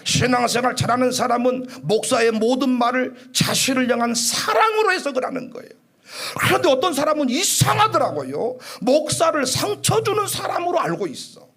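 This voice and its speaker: Gravelly high-voiced pastor preaching with fervor. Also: male voice, normal speed. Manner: animated, acts out quoted voices, shouts and drops low. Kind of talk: lively sermon.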